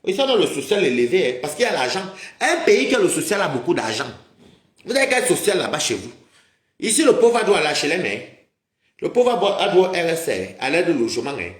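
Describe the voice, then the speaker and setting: A man hosting a livestream in a heated rant, his voice jumping high and low as he scolds and mocks his viewers. He sounds agitated and talks to them as maman. The recording carries a roomy echo. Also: big pitch swings, fast talker. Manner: mocking, scolding, repeatedly addresses viewers as maman. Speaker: livestream host.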